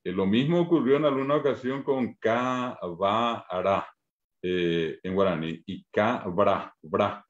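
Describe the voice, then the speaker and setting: A man's voice: on the low side, lo-fi sound. A man with a Paraguayan Spanish accent teaching a Guarani class over a video call, patiently sounding out syllables one by one. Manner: patient, spells out syllables slowly. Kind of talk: online language lesson.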